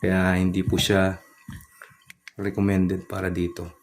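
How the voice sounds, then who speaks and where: A man giving a casual product review, calmly explaining features step by step in a polite way. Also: low voice, slow pace, background noise.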